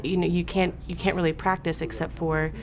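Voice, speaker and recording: A woman in an interview, speaking in quick, stammering phrases. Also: on the low side, level tone, a little mellow, soft background music.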